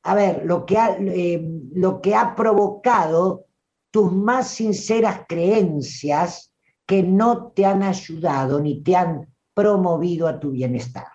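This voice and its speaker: Rioplatense-accented spiritual teacher, preachy and emphatic, mid-pitched, muffled lo-fi recording. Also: slow, darkish tone. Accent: Rioplatense Spanish. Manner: emphatic, preachy, full of rhetorical questions. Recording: dull lo-fi recording.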